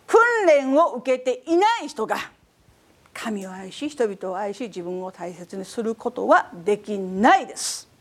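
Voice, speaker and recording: A woman preacher giving a sermon in an animated way, often asking the audience questions. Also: medium pitch, unhurried.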